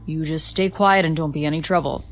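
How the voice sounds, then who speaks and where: A woman's voice: sits low, steady tone, fairly quick, close to an everyday voice. A woman reading the lines of a terse adult male kidnapper in a story video, in a curt, commanding tone.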